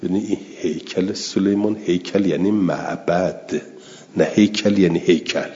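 Deep and slightly mellow, this man's voice keeps a fairly even intonation as he gives a religious lesson. He goes through an Arabic text one word at a time in a chatty way, repeating terms while defining them, on a dull lo-fi recording with long reverb.

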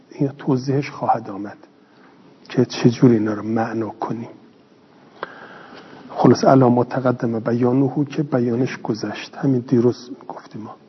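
A man teaching a lesson who reads a phrase slowly, then explains it quickly in plain speech, asking and answering his own questions. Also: mid-range voice, slightly rough. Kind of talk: classroom lesson reading and explaining a text. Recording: lo-fi recording with long reverb.

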